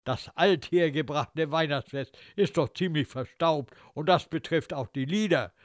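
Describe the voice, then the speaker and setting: A man narrating a literary story in a wry, expressive way, slipping into the thoughts of the characters. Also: a little high, a little slow, no room sound, studio quality.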